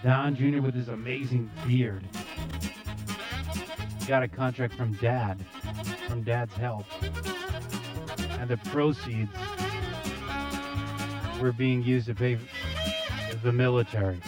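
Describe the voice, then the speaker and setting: Reading news headlines aloud on his casual comedy show, a man riffs with mock-serious, sarcastic repetition. His voice sits at medium pitch with fairly even intonation, and he talks slowly, pausing often, over background music.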